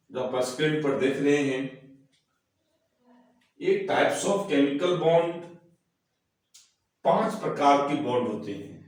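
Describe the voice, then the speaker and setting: A man teaching a recorded chemistry lecture, slightly hoarse from a cold, explaining slowly and repeating himself. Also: fairly high pitch. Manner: slow, repetitive explaining, mixing English terms. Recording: very echoey, far-off mic.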